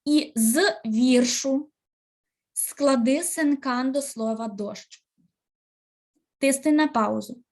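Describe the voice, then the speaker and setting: A woman teacher, giving a recorded literature lesson with slow, clear instructions and pauses. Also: high-pitched.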